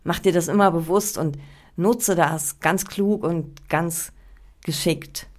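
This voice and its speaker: A woman's voice: fairly low pitch, slow. A woman hosting a podcast, giving storytelling tips for presentations in a casual, chatty coaching monologue, talking straight to the listener and thinking aloud with fillers. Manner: chatty, addresses the listener directly with informal du; many fillers and restarts while thinking aloud.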